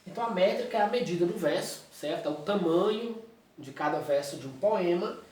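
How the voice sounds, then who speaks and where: A Brazilian male teacher explains a lesson with constant check-ins, his high, expressive voice fairly quick with a darkish tone and a Brazilian Portuguese accent. This classroom lecture was recorded on a distant mic in a very echoey room.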